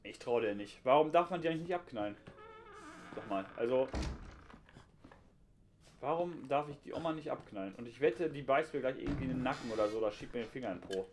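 A man's voice: medium pitch, animated, fast, pauses often, background noise. A man giving casual, joking running commentary while playing a horror game, recorded at home on a headset. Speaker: gameplay commentator. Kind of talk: casual let's-play chat.

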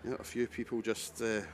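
Low voiced guy commentating live darts, bit of venue noise behind him.

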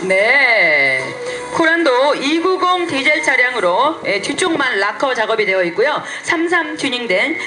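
A woman's voice: high voice, big pitch swings, unhurried, music in the background. A woman doing live motorsport commentary, announcing off-road race entries and chiming in with her partner. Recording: echoey PA sound, faint engine noise. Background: vehicle noise.

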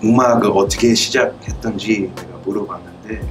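Music plays behind a man's low voice, picked up from some distance. He has a Korean American accent and chats casually as an interviewer, using simple, loose phrasing. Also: fairly even intonation, a little fast. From United States. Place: indoor rehearsal room with drum kit.

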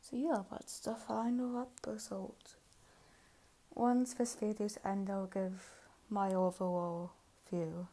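In a reaction video, a female reviewer comments casually and hesitantly, her mid-range voice slow and level in tone. The faint noise of cars on a busy road runs in the background.

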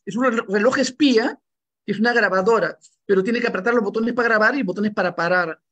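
A middle-aged man hosting a relaxed video call chat from a room at home, rambling with fillers and restarts. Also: high voice, fast. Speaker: host. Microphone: laptop mic on video call.

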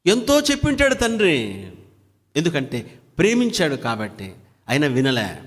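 A man's voice: fairly high pitch, huge pitch swings, normal speed, long reverb tail. A man preaching a daily devotional sermon who keeps firing rhetorical questions at his listeners. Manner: fires repeated rhetorical questions.

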